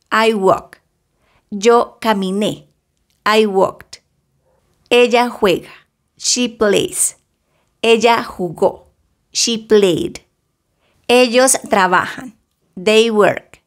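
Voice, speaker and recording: Slow, careful teacher woman. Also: medium pitch. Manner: deliberate, stretches example words, careful English pronunciation. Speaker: English teacher. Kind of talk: slow bilingual grammar lesson.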